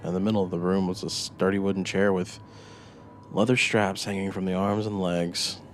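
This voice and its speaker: A man narrating a scripted horror story with a dramatic delivery that moves between hushed menace and eager swells. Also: low-pitched, little pitch movement, normal speed, a little hiss or hum.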